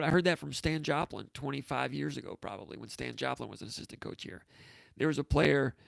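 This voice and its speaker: A man's voice: fairly high pitch, vocal fry, fairly bright tone, dry recording. A man hosting a casual sports talk show, telling stories in a rambling, anecdotal way, with frequent restarts. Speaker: host.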